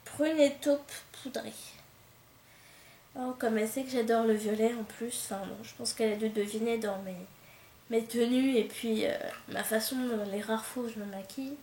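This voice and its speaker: A woman's voice: on the high side, fairly even intonation, moderate pace, warm tone. A woman vlogger chatting casually as she unboxes a gift, full of fillers, restarts and delighted exclamations. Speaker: book vlogger. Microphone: camcorder. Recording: echoey room with faint noise.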